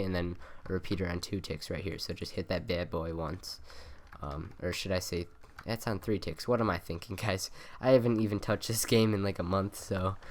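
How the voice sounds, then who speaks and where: Speaking in a deep, nasal voice, a young man makes a rambling, casual game tutorial, stumbling through ums and self-corrections. The cheap USB desk mic next to his keyboard picks up a little hiss or hum.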